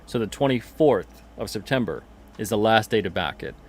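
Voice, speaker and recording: Laid-back guy rambling on his own stream, lowish voice, says stuff twice. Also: expressive, moderate pace. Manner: chatty, rambling, repeats himself, reads chat comments aloud. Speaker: podcast host and comic publisher. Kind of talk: casual livestream chat.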